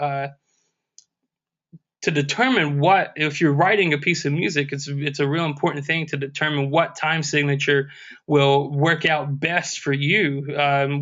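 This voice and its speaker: A man lecturing on music history in a somewhat high voice. He stops and restarts often, with many fillers, and scats rhythms to demonstrate them. The lo-fi recording sounds dull. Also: a bit bright.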